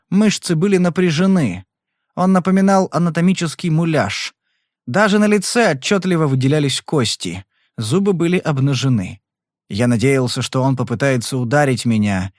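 A man reads a detective story aloud, expressive and lively in his delivery. His voice sits somewhat high and ranges widely in pitch. The sound is close and dry. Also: no room sound. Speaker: audiobook reader. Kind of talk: scripted narration.

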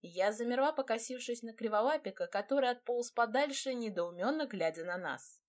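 A woman reading a romantic fantasy novel aloud in the first person, lively and expressive. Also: on the high side, a little fast. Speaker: audiobook narrator. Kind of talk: scripted first-person narration.

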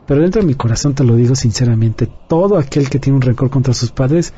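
A man's voice: mid-range voice, quick pace, mellow, breathy edge. A man giving an earnest personal testimony as an interview guest. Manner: earnest, confiding storyteller. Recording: dull lo-fi audio, faint music.

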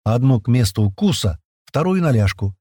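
A man's voice: mid-range voice, big pitch swings, moderate pace, dark tone, no room sound, clean studio sound. A man reading a first-person adventure story in a colloquial, storytelling way. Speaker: narrator. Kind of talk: first-person audiobook narration.

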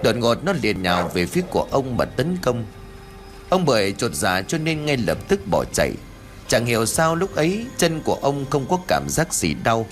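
A man narrating a horror audiobook in an expressive storytelling way. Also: medium pitch. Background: faint background music.

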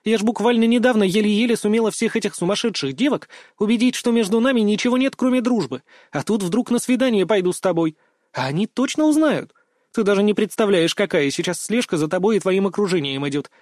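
A man voicing a chatty, cheeky teenage schoolgirl who teases with rapid-fire questions in an audiobook. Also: sits high, expressive, darkish tone, dry recording, studio quality, voice pushed up. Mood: playful.

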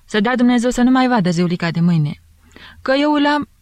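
A woman voicing a young peasant servant woman who wails and protests in loud country speech. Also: mid-range voice, expressive, gravelly, no room sound, voice pushed up. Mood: wailing.

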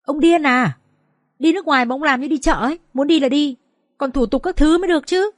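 A woman voicing a brash, blunt male friend who talks quickly and with exasperation, in a storybook reading. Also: mid-range voice, expressive, darkish tone, dry recording, clean studio sound, natural voice. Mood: exasperated.

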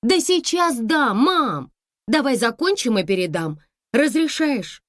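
A woman reading an audiobook voices a grown daughter who pleads rapidly and breathlessly over the phone. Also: on the high side, sing-song, no room sound, studio quality, voice pushed up. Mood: pleading, excited.

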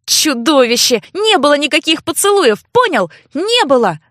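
A woman reading an audiobook, voicing a hot-tempered young noblewoman with a shrill, indignant delivery. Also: animated, unhurried, no room sound, studio quality. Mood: furious defiant. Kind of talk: audiobook character voice.

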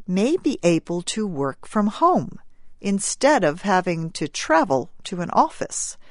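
Slow, clear female news narrator. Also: on the low side, no echo, studio quality. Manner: clear, deliberate reading. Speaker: program narrator.

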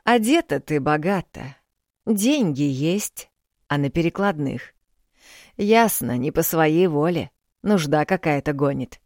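A woman reader voicing an elderly village landlady, blunt and earthy, scolding loudly in folksy speech. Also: sits low, lively intonation, takes it slowly, dry recording, studio quality. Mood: indignant.

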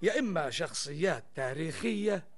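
A man's voice: on the high side, animated, moderate pace. An actor playing a wry, teasing Egyptian storyteller in Arabic cafe style, narrating in theatrical rhymed phrases and answering his own questions. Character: playful, wry male storyteller addressing his listeners. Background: music behind the voice.

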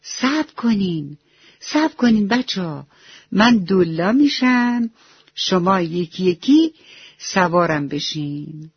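A man voicing an eager, dutiful young male duckling in a children's bedtime story, with a gentle, reassuring manner. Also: a little high, expressive, vocal fry, slightly rough, no echo, full character voice. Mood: coaxing. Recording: dull lo-fi dry recording.

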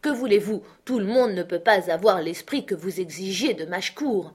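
Une lectrice qui prête sa voix à un oncle d'âge mûr, ironique, honnête et prompt à s'emporter. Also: female voice, mid-range voice, animated, moderate pace, breathy edge. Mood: exasperated. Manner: exclaiming, ironic. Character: excitable, principled middle-aged uncle, a man.

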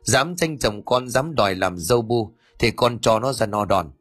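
A man puts on a high-strung middle-aged daughter-in-law, her voice raised well above his own and clipped in emphatic bursts. There is a husky grain under it. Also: animated, normal speed. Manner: stammering, then sharp and determined.

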